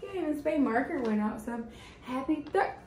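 High-pitched woman with kindergarten teacher voice. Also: expressive, normal speed, a little mellow, a little hiss or hum. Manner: kindergarten teacher voice, sing-song, encouraging, addressing young children. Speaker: preschool teacher, host. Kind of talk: children's circle time lesson. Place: small classroom-like room indoors. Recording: echoey room, distant microphone.

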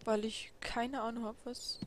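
A woman commenting casually on a game she plays, quietly musing aloud and asking herself questions. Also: on the high side, little pitch movement, measured pace. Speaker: let's play host. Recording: audible background noise.

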